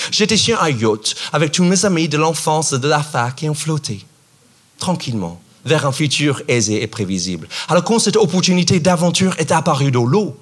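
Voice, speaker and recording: A man from New York doing a stand-up comedy set in French with an American accent, animated and mock-outraged, with sudden shouts and sing-song asides. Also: a little high, breathy edge. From New York, USA. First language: English. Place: theater stage.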